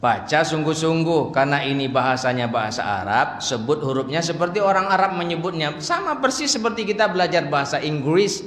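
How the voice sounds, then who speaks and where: Joking preacher in an echoey hall. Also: male voice, on the high side, lively intonation, a bit bright. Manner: humorous, chatty, slows to chant Arabic verses. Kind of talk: evening religious lecture. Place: mosque hall. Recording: echoey hall, faint room noise.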